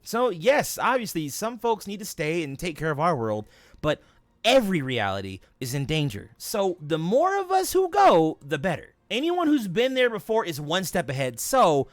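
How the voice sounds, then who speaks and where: A man's voice: high voice, huge pitch swings, moderate pace, no room sound. A man voicing a young, nervous superhero who rambles and wisecracks at his own expense in a comic reading. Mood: eager, flustered. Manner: rambling, self-deprecating.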